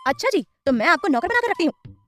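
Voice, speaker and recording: A woman's voice: high voice, lively intonation, rapid-fire, soft background music, voice pushed up. A woman doing a teasing bossy young wife. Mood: scolding. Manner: teasing, mock-innocent.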